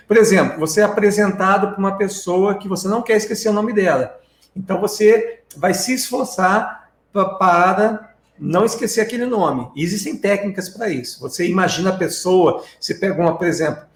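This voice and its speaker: A man's voice: sits high, roomy sound. A man with a Brazilian Portuguese accent, teaching a live-streamed lesson and explaining step by step while checking in with his viewers. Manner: explanatory, tag questions to viewers. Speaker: English teacher.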